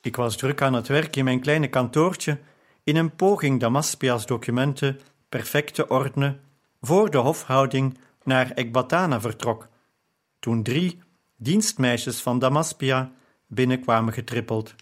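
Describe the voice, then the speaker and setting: A man reading a novel aloud in measured first-person narration. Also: medium pitch. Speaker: audiobook narrator.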